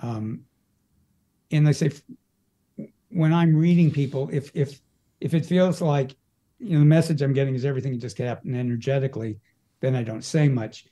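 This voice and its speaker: A man, guest in a relaxed conversational interview, describes his work as an energy practitioner with frequent restarts. His mellow, medium-pitched voice moves at normal speed, pausing often.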